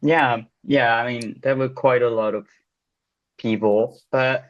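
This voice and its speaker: A man's voice: mid-range voice, fairly even intonation, slow, no echo, lo-fi sound. A young man with a French accent, a podcast co-host telling a story in casual, rambling chat full of fillers. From France.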